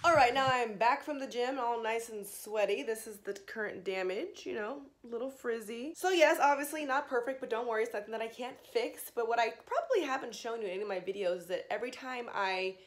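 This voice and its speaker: Filming in a small studio with a grey backdrop, a thirtysomething woman walks viewers through a hair tutorial in a cheerful, talkative, coaching style. Her pitch is fairly high and she speaks a little fast, barely pausing.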